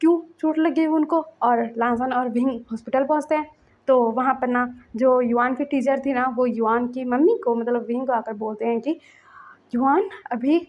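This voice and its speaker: A woman's voice: a little high, a little mellow. A young woman casually narrating a fan-fiction story, chatty with filler words.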